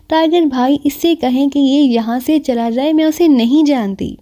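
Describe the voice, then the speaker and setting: A woman's voice: high voice, warm tone, close to an everyday voice. A woman voicing a frightened young woman in an audiobook who speaks in a tense, urgent way. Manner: pleading, then cold and hard.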